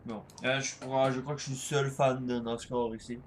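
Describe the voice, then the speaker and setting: A man's voice: medium pitch, level tone, moderate pace, a little hiss or hum. A man giving casual gameplay commentary, rambling with lots of fillers and crude swearing. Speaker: gaming youtuber.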